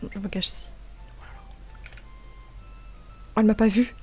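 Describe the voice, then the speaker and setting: A woman giving casual commentary while gaming and drawing, chatty and excitable, often stammering and repeating words, into a desk mic at home. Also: mid-range voice, moderate pace, breathy edge, soft background music. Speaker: gaming and art YouTuber. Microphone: desk microphone.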